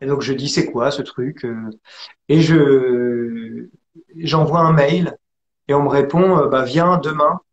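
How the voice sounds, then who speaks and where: A man from France telling his story as an interview guest, hesitant with many pauses and restarts. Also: medium pitch, highs cut off. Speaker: interview guest, acrobat and actor.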